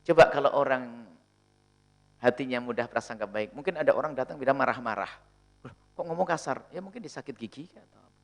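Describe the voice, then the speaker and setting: A man's voice: mid-range voice, fast, pauses often. A man preaching in a sermon, answering a question and acting out little dialogues in different voices as he goes.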